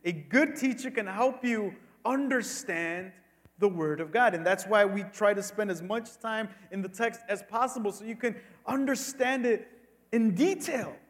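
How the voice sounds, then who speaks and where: A man's voice: high voice, a little slow. A man preaching a sermon as a pastor, emphatic and colloquial, leaning on rhetorical questions and repeated phrases. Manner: colloquial asides, acting out dialogue. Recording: long hall reverb.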